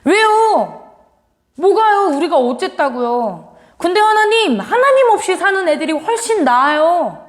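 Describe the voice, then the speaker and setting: A woman's voice: very high-pitched, very animated, fairly quick, voice pushed up. A woman voicing sulky people who give cold, snippy retorts to God. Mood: sulky backtalk. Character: sulky, backtalking people answering God coldly. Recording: long hall reverb.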